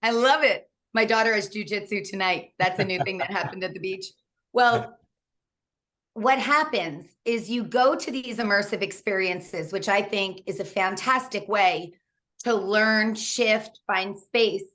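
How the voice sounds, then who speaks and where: A woman's voice: medium pitch, a little slow, a bit bright. A woman in her forties, a candid author and coach, telling her story with frequent laughs in a casual interview over a video call. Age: 40s.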